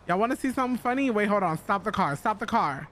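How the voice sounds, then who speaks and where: A man's voice: high voice, brisk, a bit bright. A man in an improvised roleplay with a sassy, campy way of talking. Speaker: roleplay player.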